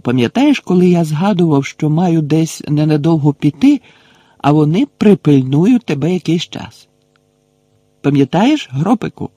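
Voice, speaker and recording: A man voicing a huge, gentle half-giant who shouts and coaxes in folksy speech, in an audiobook reading. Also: a little high, expressive, unhurried, no room sound, voice pushed up. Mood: coaxing.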